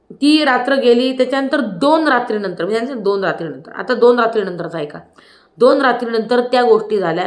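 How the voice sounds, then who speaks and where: A woman giving a casual review of a reality show episode. She talks in a chatty way, retelling scenes with asides and quick self-corrections. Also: on the high side. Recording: roomy echoey room.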